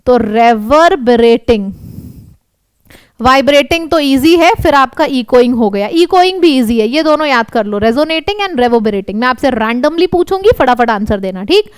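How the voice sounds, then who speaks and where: A woman with an Indian accent teaching English vocabulary for exams, lively and quizzing her students. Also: high voice, unhurried, clear, resonant tone, dry recording. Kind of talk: exam vocabulary lesson.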